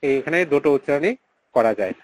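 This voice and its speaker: A man teaching mantra recitation in an online class, repeating syllables slowly and chanting lines in a drawn-out tone over a video call mic. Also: medium pitch, lively intonation, a little mellow, no room sound, poor audio. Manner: slow, repeats syllables to model pronunciation.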